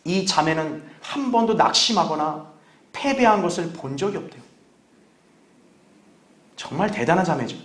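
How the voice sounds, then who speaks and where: A man's voice: fairly high pitch, expressive, normal speed, long pauses, a bit bright. A man preaching a sermon as pastor, earnest and conversational, often asking the congregation rhetorical questions.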